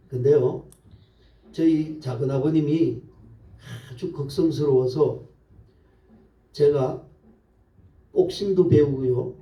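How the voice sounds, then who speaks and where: High-voiced pastor in an echoey church. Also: male voice. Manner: lively storytelling with rhetorical questions to the congregation. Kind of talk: sermon. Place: church sanctuary. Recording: echoey church, voice from far off the mic.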